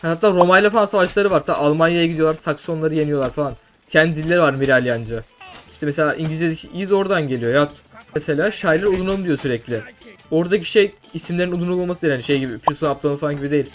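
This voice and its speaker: Fast-talking young man, swearing streamer. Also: fairly high pitch. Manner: rambling, then loud swearing outbursts. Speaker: gameplay streamer. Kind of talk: casual gameplay commentary with mock lore. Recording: faint music behind.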